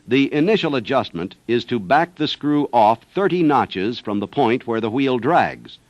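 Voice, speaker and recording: A mid-range-voiced American man works methodically through a scripted instructional voiceover for a service training film. The sound is echo-free, typical of a dull, dry 1970s training-film soundtrack.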